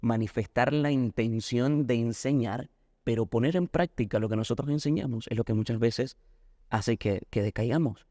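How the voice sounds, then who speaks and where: Colombian male pastor, mellow tone, earnest teaching, dry studio sound. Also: mid-range voice, moderate pace, dry recording. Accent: Colombian Spanish. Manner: earnest teaching, acts out anecdotes. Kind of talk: Bible lesson discussion.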